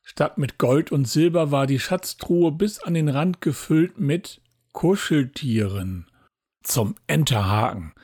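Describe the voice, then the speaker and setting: A man's voice: a little high, lively intonation, takes it slowly, warm tone, breathy edge. Man reading a children's story aloud. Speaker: narrator.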